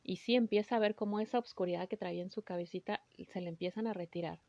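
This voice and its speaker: Woman, storyteller, earnest and halting, mid pitch, dull dry sound. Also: steady tone, a little mellow, no echo. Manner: earnest, emotional, halting with restarts. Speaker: spiritual healer recounting a session. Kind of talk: personal storytelling.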